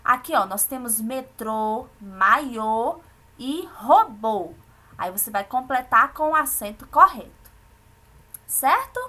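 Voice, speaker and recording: Brazilian woman teaching small kids remotely, patient and encouraging, a bright, slightly high voice. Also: animated, measured pace. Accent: Brazilian Portuguese. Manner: patient, explaining step by step to children. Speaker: primary school teacher. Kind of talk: remote lesson for children.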